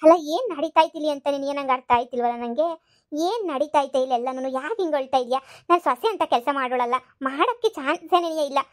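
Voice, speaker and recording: A woman's voice: high-pitched, animated, quick pace. A woman voicing a stubborn older village mother-in-law who scolds and repeats herself. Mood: confused. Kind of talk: cartoon voice acting.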